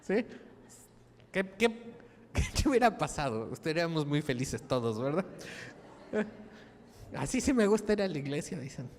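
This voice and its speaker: A man preaching a lively, joking sermon, often asking the congregation questions. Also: on the high side, measured pace, pauses often, long reverb tail. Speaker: pastor. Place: church.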